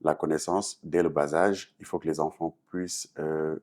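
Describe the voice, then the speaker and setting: Here a Senegalese talk show guest, an artist and activist, speaks in an extremely low pitch with fairly even intonation. His pace is moderate and his tone darkish. He answers interview questions earnestly, in French-speaking West African style with a Senegalese accent.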